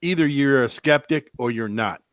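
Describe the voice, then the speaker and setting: A man with a medium-pitched voice chats casually as a podcast panelist. He is halting and argumentative, often repeating his words. The recording is very dry. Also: fairly bright tone, no room sound. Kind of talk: casual chat.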